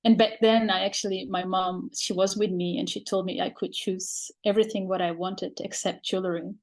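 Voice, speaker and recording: A woman's voice: medium pitch, darkish tone. Hesitant Portuguese woman guest. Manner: hesitant, many fillers and restarts, laughs often. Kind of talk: interview conversation.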